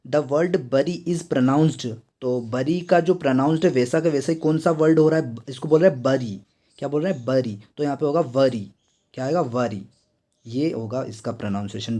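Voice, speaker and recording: A young adult man with an Indian accent walks students through exam answers, repeating questions back to them and reading the English items slowly. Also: medium pitch, mellow. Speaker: teacher explaining exam answers. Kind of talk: exam answer walkthrough lesson.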